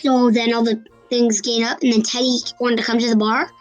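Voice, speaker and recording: A child with a congested, stuffy-nosed voice, chatting casually and retelling stories in a halting, repetitive way with restarts. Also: medium pitch, little pitch movement, muffled recording, soft background music. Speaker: co-host recapping episodes.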